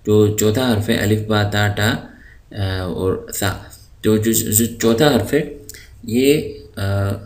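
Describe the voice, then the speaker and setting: A man from Pakistan who teaches English words in a recorded lesson. He draws each word out slowly, then explains it patiently, with frequent hesitation fillers. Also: on the low side, a little mellow.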